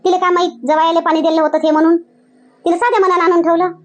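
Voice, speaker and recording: Rural comedy skit: a woman as a scolding, protective mother, Varhadi Marathi accent, very high and fast. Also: level tone. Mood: firm. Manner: scolding, insistent, repeats points. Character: village mother, firm and protective of her daughter.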